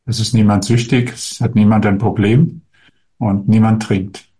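A man speaking as a spiritual teacher, answering viewer questions in a calm, musing way with frequent hesitations. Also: lowish voice, moderate pace.

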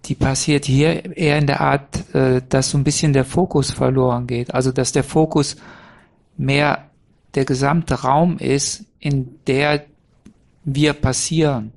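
Gravelly man, hesitant and searching. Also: medium pitch, fairly even intonation, a little slow. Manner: hesitant, searching for words with many fillers. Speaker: participant in a spiritual dialogue. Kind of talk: casual reflective conversation.

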